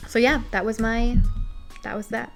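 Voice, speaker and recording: A woman's voice: on the high side, level tone, normal speed, gravelly, faint music behind. A woman in her twenties talking casually and confessionally to camera, candid and self-deprecating, as she shares and comments on personal writing. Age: 20s. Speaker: vlogger. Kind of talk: casual confessional talk to camera, reading and commenting on an old journal. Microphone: recorded at home with a ring light set up.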